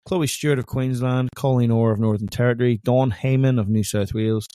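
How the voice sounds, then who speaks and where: A man's voice: mid-range voice, steady tone, brisk, warm tone, clear, resonant tone, no room sound. A man co-hosting a casual sports podcast, chatty and joking, calling his co-host "mate".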